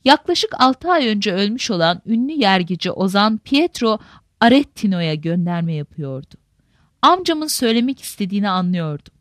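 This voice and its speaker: A woman narrating a novel in a measured, literary manner. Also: medium pitch, sing-song, dry recording, studio quality. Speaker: audiobook narrator.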